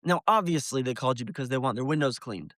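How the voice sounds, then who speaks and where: Fast and animated, a man with a mid-range, fairly bright voice narrates a window-cleaning business tutorial. The dry, studio-quality recording catches him addressing viewers directly as he explains things step by step.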